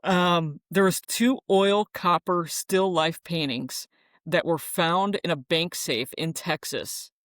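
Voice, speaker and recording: A podcast co-host in casual chat, reading out facts in a relaxed, rambling way with fillers and restarts. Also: mid-range voice, slow pace, no room sound, clean studio sound.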